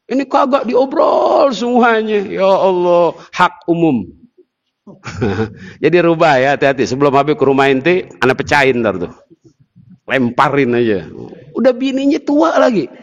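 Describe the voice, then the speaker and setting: A man giving a sermon, lively and teasing as he jokes with the audience. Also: high voice, big-room sound, muffled recording. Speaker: preacher.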